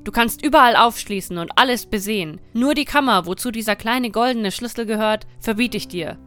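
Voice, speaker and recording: A woman's voice: on the high side, a little fast, a bit bright, faint music behind, close to an everyday voice. A woman voicing a stern, murderous nobleman who gives cold, threatening commands in a fairy tale reading. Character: stern, menacing nobleman Bluebeard, murderous husband.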